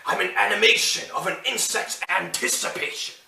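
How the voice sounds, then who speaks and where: A man's voice: high-pitched, moderate pace, vocal fry, pushed and bright, soft background music, full character voice. A man doing a cartoon impression of a fanatically loyal fire ant robot serving royalty, in zealous rhyme. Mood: zealous, devoted. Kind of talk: theatrical character poem recital. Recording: roomy echo, distant mic.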